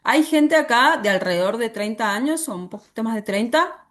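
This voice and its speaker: Lecturing at a normal speed, this Argentine woman teacher has a slightly high, animated voice. She regularly breaks off to quiz the class with questions.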